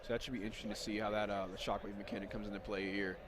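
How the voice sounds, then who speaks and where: A man doing live play-by-play commentary on a competitive video game match, energetic and quick, sometimes correcting himself mid-sentence. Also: fairly low pitch, very noisy. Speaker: esports commentator.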